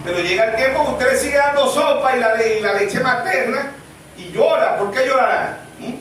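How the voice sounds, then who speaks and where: A man preaching a sermon as pastor, animated and full of rhetorical questions. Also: very high voice, moderate pace, a little hiss or hum. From Venezuela. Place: church sanctuary. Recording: echoey church room, mic far off.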